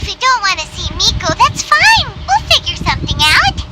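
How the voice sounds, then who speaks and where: A woman's voice: wildly swooping pitch, a little fast, heavily acted. A woman voicing a tiny, chirpy childlike companion in an anime-style game, exclamatory and teasing. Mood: encouraging. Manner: squeaky, exclamatory. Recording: loud game music behind.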